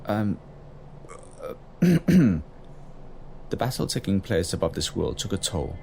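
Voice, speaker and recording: In an audio drama, a man voices a grave yet kindly fleet captain, speaking formally in a measured, solemn manner. His low voice is creaky and exaggerated.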